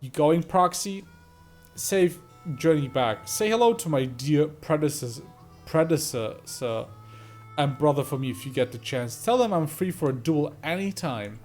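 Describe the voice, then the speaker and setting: A man voicing a cool, loyal male mercenary biker in a game, calm and tough. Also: on the high side, a little slow, faint music behind. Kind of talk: reading game dialogue aloud.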